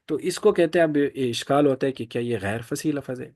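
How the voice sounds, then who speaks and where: A man giving a classroom lecture in an explanatory way, often pausing and restarting his sentences. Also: mid-range voice, a little mellow, no echo, studio quality. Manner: explanatory, frequent fillers and restarts. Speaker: teacher.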